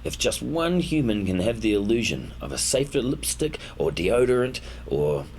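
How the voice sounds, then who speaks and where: A meek, resigned lab rabbit, lively inflection. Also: male voice, fairly low pitch, slight background noise. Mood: resigned, upbeat. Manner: halting, apologetic, stoically upbeat. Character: meek, cheerfully resigned adult male lab-test rabbit. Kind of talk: animated mockumentary interview.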